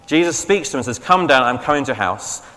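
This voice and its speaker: A man's voice: medium pitch, expressive, fast talker, pushed and bright, long reverb tail. A man preaching a sermon in a casual, conversational way, with fillers and restarts and questions to the congregation. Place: church.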